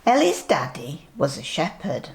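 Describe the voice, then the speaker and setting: A sweet grandmotherly older woman reading a picture book aloud to young children, gently pointing things out as she goes. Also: low voice, wildly swooping pitch. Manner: slow, deliberate storytelling with asides.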